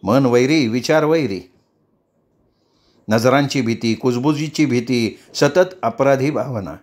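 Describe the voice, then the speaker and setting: A man narrating a novel as a storyteller, in a measured, dramatic reading. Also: medium pitch, darkish tone.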